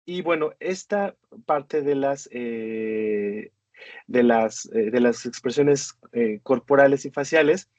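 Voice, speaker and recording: A man with a Mexican Spanish accent lectures in a halting way, filling pauses and often checking in with a tag question. The recording is dull and muffled. It sounds dry, with no room around the voice. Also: medium pitch, a little mellow, dry recording. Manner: hesitant, many fillers and tag questions.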